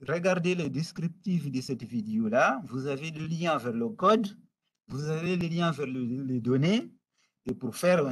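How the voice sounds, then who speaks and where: A man's voice: fairly high pitch, husky. A man whose first language is Portuguese, speaking with a Portuguese-speaking accent and wrapping up an online course as instructor, often restarting his words. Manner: halting, many restarts and fillers.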